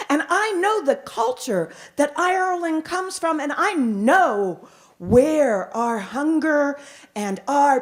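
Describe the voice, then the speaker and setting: A middle-aged woman performing as a live storyteller, with dramatic, deliberate phrasing and frequent repetition. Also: high-pitched. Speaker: professional storyteller.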